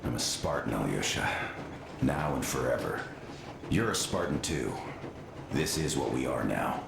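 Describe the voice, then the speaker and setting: Gravelly, stoic soldier. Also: male voice, a bass voice, animated, measured pace, full character voice. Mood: subdued, resolute. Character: homesick, stoic American soldier, fiercely loyal. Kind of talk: video game dialogue. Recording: very echoey, noisy game audio.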